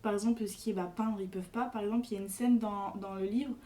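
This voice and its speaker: A woman's voice: medium pitch, fairly even intonation, fast talker, dark tone, far from the mic. Hesitant young woman, off-mic. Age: young adult. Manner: hesitant, many fillers and restarts. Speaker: podcast co-host presenting a book. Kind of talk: casual chat.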